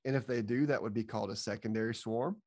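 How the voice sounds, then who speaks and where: A man co-hosts a podcast and explains things carefully, one step at a time. His delivery is calm and methodical, like someone patiently walking a listener through a process. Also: mid-range voice, quick pace. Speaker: podcast co-host and beekeeping expert.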